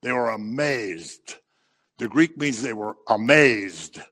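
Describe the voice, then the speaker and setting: A man preaching a sermon in a conversational, animated way, acting out the voices of the people he quotes. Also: medium pitch, takes it slowly, slightly rough. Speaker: pastor.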